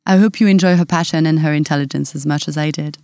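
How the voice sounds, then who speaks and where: A woman's voice: deep voice, fairly even intonation, fast, darkish tone, dry recording, studio quality. French-accented woman hosting a podcast. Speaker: podcast host. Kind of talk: scripted podcast introduction.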